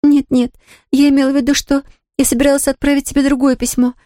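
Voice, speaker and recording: A woman's voice: sits high, little pitch movement, quick pace, mellow, no room sound, clean studio sound, pitched above the performer's own voice, lightly acted. A woman voicing a distraught young woman who pleads in a trembling voice, near tears.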